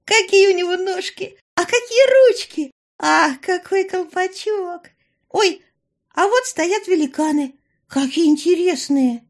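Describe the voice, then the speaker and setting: A woman voicing an excitable young woman in an audiobook who gushes and squeals in a very high voice. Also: moderate pace, few pauses. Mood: gushing. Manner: gushing, squealing. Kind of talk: audiobook character voice.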